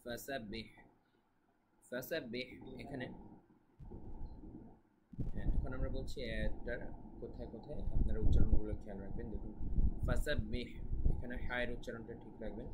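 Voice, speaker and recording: A man teaching Quran recitation, chanting verses slowly and explaining pronunciation rules in a soft, conversational voice. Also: mid-range voice, steady tone. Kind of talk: tajweed lesson with Bengali explanation. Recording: loud background noise.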